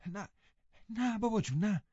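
A man's voice: high-pitched, very animated, a little mellow, breathy edge, dry recording, lo-fi sound, voice pushed up, heavily acted. A man voicing a distraught teenage girl who pleads breathlessly between sobs, in an audiobook reading. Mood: pleading.

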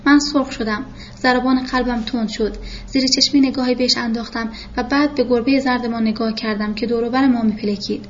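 Woman narrating a novel, fairly high voice. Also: fairly even intonation, lo-fi sound, a little hiss or hum. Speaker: audiobook narrator.

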